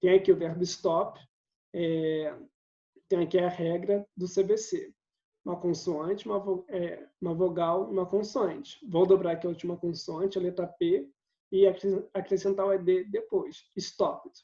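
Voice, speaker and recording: A man's voice: high voice, level tone, a little slow, warm tone. A man, an English teacher giving a recorded video lesson, explaining patiently step by step and often checking in with his listeners. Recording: roomy, slightly dull sound.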